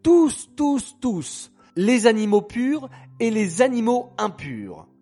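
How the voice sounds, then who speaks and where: A man's voice: high voice, sing-song, unhurried, darkish tone, voice pushed up, exaggerated voice. A man voicing a curious, caring little girl in a children's storybook reading. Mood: proud.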